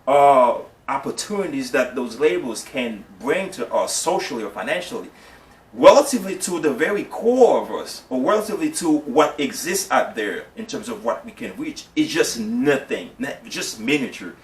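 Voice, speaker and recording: A Haitian man with a medium-pitched, lively voice speaks at a moderate pace as a guest in a casual discussion. He is earnest and explanatory, often checking whether the listener follows and repeating "you see what I'm saying." The mic sits at a distance in an echoey room, with faint noise.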